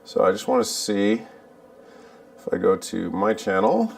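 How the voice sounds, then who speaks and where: A man's voice: on the low side, very animated, measured pace, vocal fry, darkish tone, far from the mic. A man doing a casual livestream from his cluttered garage, chatting and muttering to himself while he fiddles with the settings. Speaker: livestreaming vlogger.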